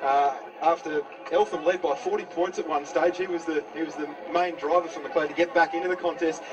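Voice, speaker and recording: A man with an Australian accent doing live football play-by-play, building to excited calls with a raised voice. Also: a little high, fairly quick, dull audio. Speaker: local radio football commentator. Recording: slightly distant mic.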